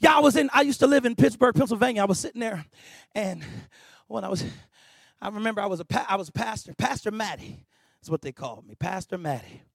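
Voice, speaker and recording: A man delivers a sermon in a strikingly high voice with a gravelly edge. He shouts as he builds, then drops to a quiet, close, storytelling tone. The sound is dry and close to the mic. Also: animated, quick pace, no room sound. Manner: preaching with shouted rising peaks and quiet storytelling asides. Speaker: pastor.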